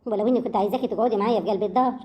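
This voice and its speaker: A woman's voice: mid-range voice, racing, mellow, close to an everyday voice. A woman voicing a fierce older village mother who scolds and insults a man over her son. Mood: furious.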